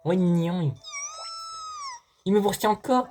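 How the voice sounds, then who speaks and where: A man voicing a small, timid forest creature in a game, squeaky and whiny, with faint game music behind. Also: slow. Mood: panicky.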